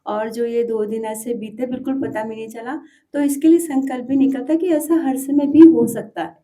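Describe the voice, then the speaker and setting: A woman's voice: a little high, steady tone, normal speed, mellow. A woman devotee earnestly sharing her experience at a devotional gathering, often restarting as she searches for words. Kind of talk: heartfelt testimony at a devotional gathering.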